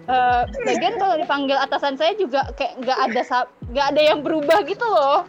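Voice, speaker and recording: Perempuan bersuara tinggi yang bercerita lincah. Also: female voice, sits high, a little fast. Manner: lively, laughs often, acts out quoted dialogue. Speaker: guest. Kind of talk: casual storytelling chat. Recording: dull lo-fi sound with faint music.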